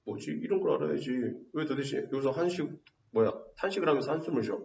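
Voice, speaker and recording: A man teaching a high school Korean literature class, quizzing students with quick rhetorical questions. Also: expressive, gravelly, a little mellow. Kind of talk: lecture. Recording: roomy, dull, distant mic.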